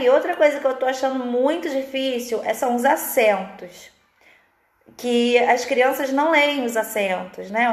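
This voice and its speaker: A middle-aged Brazilian woman teaches in a live online class, her voice sitting a little high. She explains patiently and keeps checking in with her listeners, and the room around her sounds echoey. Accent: Brazilian Portuguese. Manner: explanatory, frequent "né?" tags.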